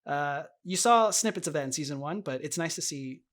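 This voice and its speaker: A man's voice: fairly high pitch, animated, fairly quick, a bit bright. A man co-hosting a podcast, explaining a show in casual chat and laughing often. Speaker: podcast co-host.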